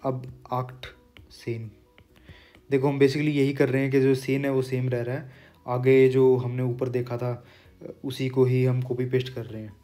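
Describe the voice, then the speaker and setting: Patient man teaching pronunciation, flat voice. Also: mid-range voice, soft background music. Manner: patient, repeats words slowly for pronunciation. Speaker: German language teacher. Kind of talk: explaining lesson while writing on a board.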